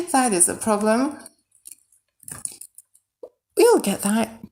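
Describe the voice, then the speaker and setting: A woman from Iran, a native Persian speaker with a Persian accent, livestreams as a game modder, chatting casually with viewers and thinking aloud while she codes. Her voice is a little high and slightly mellow, with big pitch swings, vocal fry, and an extremely slow delivery.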